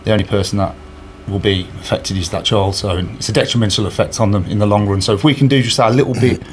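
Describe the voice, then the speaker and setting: A fast-talking man with a fairly low voice organises a charity match and responds to interview questions sincerely, repeatedly restarting and using fillers. He's indoors by a sponsor board, captured on the interviewer's handheld recorder with a little background noise.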